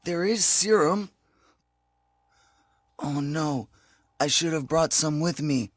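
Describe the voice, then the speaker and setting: An actor playing a weak, wounded young teammate in an old video game, halting and stilted, amateurishly acted. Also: male voice, on the high side, no room sound, studio quality. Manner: stilted, halting bad acting.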